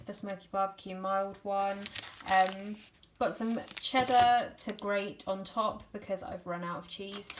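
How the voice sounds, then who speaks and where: A woman's voice: mid-range voice, background noise. A young woman in her twenties chatting casually in a vlog, tired and out of breath, laughing often between fillers. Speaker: vlogger.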